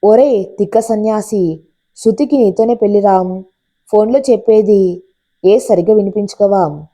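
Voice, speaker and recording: A woman's voice: medium pitch, moderate pace, warm tone, natural voice. A woman voicing a stern but teasing middle-aged father in a storybook reading. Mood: teasing scolding. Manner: scolding, gruff questions.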